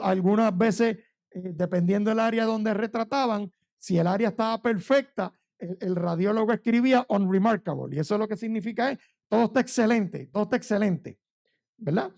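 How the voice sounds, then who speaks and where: A male pastor preaches to his church, weaving a fervent personal testimony and calling his listeners brother. His voice sits high for a man, with a gravelly, creaky edge. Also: warm tone.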